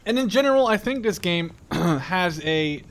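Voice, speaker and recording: This man has a high voice with lively intonation and a measured pace, with a bit of hiss or hum in the recording. He's a YouTuber drifting off track during relaxed, rambling commentary on a shooter, with heavy gunfire, artillery and explosions booming behind him.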